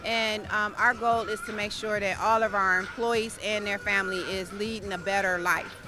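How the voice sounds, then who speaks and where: A woman answers in a news interview as a program organizer. Her voice sits at an average pitch. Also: fairly even intonation, moderate pace, noisy background. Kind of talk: news interview sound bite.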